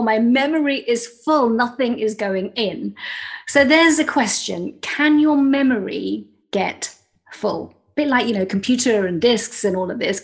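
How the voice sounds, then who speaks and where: A woman's voice: mid-range voice, gravelly. A woman, a doctor hosting a podcast, asking questions and reacting enthusiastically. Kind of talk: interview conversation.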